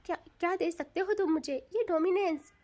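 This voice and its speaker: A woman's voice: very high voice, a little fast, a little mellow. Woman reading a possessive teasing young lover. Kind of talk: audio story narration.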